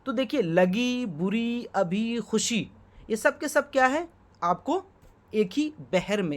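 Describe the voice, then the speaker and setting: A man's voice: high-pitched, fairly bright tone. A man teaching a lesson on poetry terms, who asks himself rhetorical questions, checks in with "okay" and spells words out letter by letter. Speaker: Urdu teacher. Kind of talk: exam-prep lesson explaining Urdu poetry.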